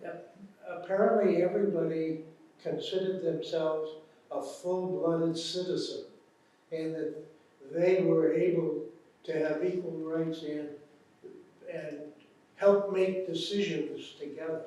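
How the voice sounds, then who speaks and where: A man's voice: on the high side, fairly even intonation, slow pace, mellow. A man introducing a discussion panel and speaking on it, earnest and emphatic. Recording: very echoey room from far off.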